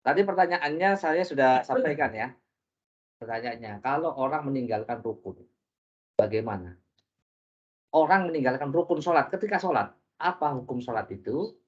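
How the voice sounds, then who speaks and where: A man teaching a religious class, lively and joking, often putting questions to his listeners. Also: medium pitch, moderate pace, pauses often, slightly rough. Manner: lively, jokey, asks the audience questions. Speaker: preacher. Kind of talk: interactive religious lesson. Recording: dull lo-fi recording.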